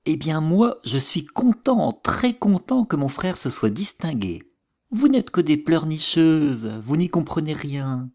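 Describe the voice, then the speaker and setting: A man's voice: fairly high pitch, sing-song, unhurried, a little mellow, full character voice. A man voicing a brash, boastful young teenage boy who scorns everyone around him in an audiobook reading. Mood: mocking. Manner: scornful, blustering. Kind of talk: audiobook character voice.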